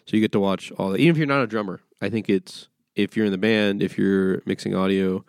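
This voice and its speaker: A man hosting a casual church podcast, friendly and energetic. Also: on the low side, fast talker, vocal fry, no room sound, studio quality. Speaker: podcast host. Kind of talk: casual chat.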